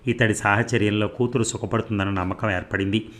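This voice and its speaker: Low-voiced man narrating a novel. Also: fairly even intonation, brisk, a bit bright. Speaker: audiobook narrator.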